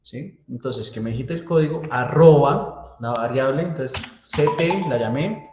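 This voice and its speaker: A man's voice: medium pitch, normal speed, darkish tone, lo-fi sound, a little hiss or hum. A man teaching a university database class, walking students through code step by step and checking in with them often. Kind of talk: live coding class lecture. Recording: echoey room, faint keyboard typing.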